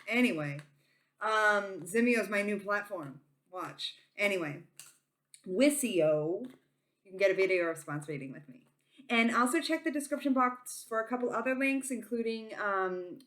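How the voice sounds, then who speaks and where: A woman's voice: mid-range voice, animated, normal speed, fairly bright tone. Casting: female tarot channel host, Boston accent, mid-range voice, tired and silly, slangy, affectionate chat with her viewers. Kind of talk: casual, chatty psychic reading to viewers.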